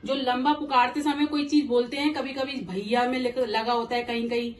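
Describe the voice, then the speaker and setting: High-voiced woman teaching a grammar lesson. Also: level tone, normal speed. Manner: patient, repeats and checks understanding. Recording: echoey room with faint ambience.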